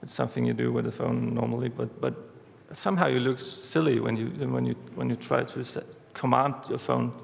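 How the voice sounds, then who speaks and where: A man giving a conference talk, walking through a live demo step by step in a halting way, recorded in a large hall. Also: mid-range voice, fairly even intonation, gravelly. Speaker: conference speaker. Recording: reverberant hall, faint background noise.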